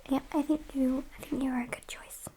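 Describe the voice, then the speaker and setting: A British woman voices a smug, sassy female vampire in a soft, breathy ASMR roleplay whisper, pausing hesitantly and condescending with mock politeness. Her voice is high-pitched and level, her mood coolly playful, with slight background noise.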